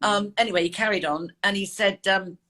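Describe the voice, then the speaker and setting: A woman's voice: mid-range voice, fairly even intonation, brisk, a bit bright. An older woman, a guest on an interview, earnestly recounting a painful personal experience and quoting the people she spoke to. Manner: earnest, quotes others' words in her retelling. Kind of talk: emotional personal account.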